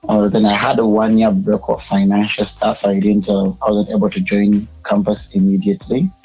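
A young man with a Ugandan English accent talks about his path into media in a casual interview. His voice sits low and has a husky edge. He pauses often and fills the gaps with "uh". The sound is dull and muffled. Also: flat delivery, a little mellow, soft background music. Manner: hesitant, many filler sounds. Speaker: guest, media personality and public speaker.

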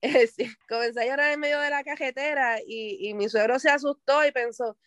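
A woman's voice: sits high, steady tone, fairly quick, a bit bright, dry recording, studio quality. A woman, earnestly telling a personal faith testimony in a conversation and acting out the dialogue as she goes. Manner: earnest storytelling, acts out dialogue. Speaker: guest sharing a personal testimony.

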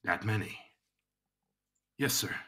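A stern half-orc captain, scarred and muscular, rumbling out short, clipped questions in a low voice, as a game master puts him on. He sounds like a hardened soldier from a tabletop adventure who wastes no words. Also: takes it slowly, bright, forceful tone.

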